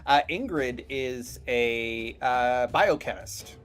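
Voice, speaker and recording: A man's voice: medium pitch, lively intonation, takes it slowly, fairly bright tone, clear, resonant tone, soft background music. A man narrating a tabletop game as game master, informal and freely swearing. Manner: profane, informal.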